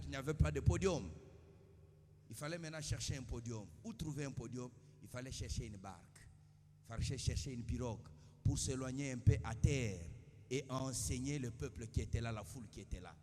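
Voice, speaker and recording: Man, pastor, call-and-response sermon, shouting then hushed, echoing church, faint hum. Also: medium pitch, brisk. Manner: call-and-response preaching, swinging from quiet asides to shouts.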